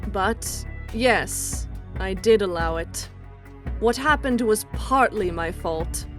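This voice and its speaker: Woman as detached machine messenger, mid-pitched, sly, matter-of-fact, cartoon dub, clear music underneath. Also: animated, takes it slowly. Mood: cool, defensive. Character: sly, detached programmed messenger with emotions, easily amused. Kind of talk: comic dub voice acting.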